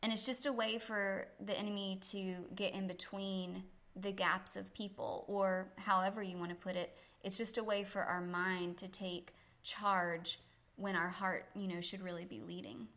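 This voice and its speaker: Her pitch stays in the middle with not much rise and fall, and her tone is fairly bright at a normal speed. She's a yoga instructor guesting on a podcast, telling earnest, reflective faith-centered stories about belief and teaching and laughing readily along the way.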